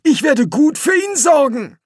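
A man's voice: very high-pitched, very animated, a little slow, no echo, studio quality, pitched above the performer's own voice, exaggerated voice. A man reading an audiobook, voicing a proud, naive old male explorer. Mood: pleased. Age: older. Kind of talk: audiobook character voice.

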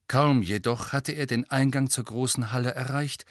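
A man narrating an audiobook in a steady, measured reading. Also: medium pitch, dry recording, clean studio sound. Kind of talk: scripted narration.

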